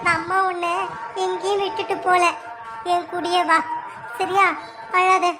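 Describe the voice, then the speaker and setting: A woman's voice: very high voice, level tone, a little slow. A woman doing a soothing cartoon mother. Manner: gentle, coaxing. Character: village mother soothing her little daughter. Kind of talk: dubbing an animated village story. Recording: voice with loud music behind.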